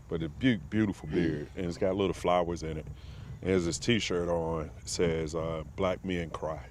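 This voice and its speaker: A man with a very low, deep voice talks earnestly in a casual podcast interview, pausing often to gather his thoughts. Faint outdoor ambience with passing vehicles sits behind him. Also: darkish tone, a little hiss or hum. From Martinsville, Virginia, USA. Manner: reflective and earnest, with frequent pauses and fillers. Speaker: podcast guest. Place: outdoor expo grounds.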